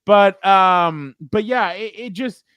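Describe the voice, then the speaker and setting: A man's voice: sits high, fairly bright tone, clean tone, no room sound. A man co-hosting a casual sports podcast, rambling and correcting himself as he recaps a game. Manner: rambling, self-correcting, quick laughs. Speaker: podcast co-host.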